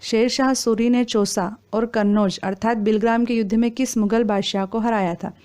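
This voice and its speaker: A woman reading exam quiz questions and their answers in a steady, formal recitation. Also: fairly high pitch, moderate pace.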